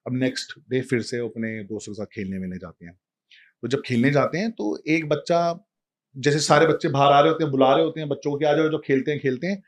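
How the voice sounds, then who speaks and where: A man telling a devotional story in a lively, casual way, talking straight to a listener. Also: medium pitch, fast.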